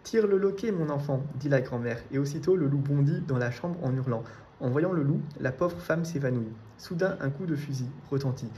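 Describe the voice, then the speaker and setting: A man reading children's storybooks aloud in a steady storytelling way. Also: mid-range voice, a little fast, a little hiss or hum. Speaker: reader.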